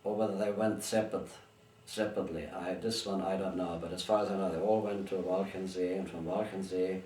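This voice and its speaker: An older man, born in Bulgaria with Bulgarian as his first language, recalls his family history in an interview, his sentences halting and restarting. His voice is very deep with a darkish tone. He sits some distance from the mic in an echoey room, a faint hiss beneath.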